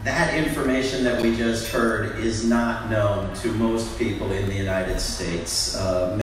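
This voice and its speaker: A man giving an impassioned speech on a panel, often restarting his sentences. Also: fairly low pitch. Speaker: panel speaker, antiwar group director. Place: large indoor event room. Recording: very echoey room, distant mic, faint background noise.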